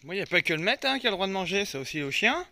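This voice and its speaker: A man's voice: high-pitched, sing-song, rapid-fire, bright, forceful tone, no room sound. A man from France vlogging outdoors by a lake, chatting casually to his viewers and to his dogs. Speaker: van-life vlogger. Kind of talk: casual vlog chat.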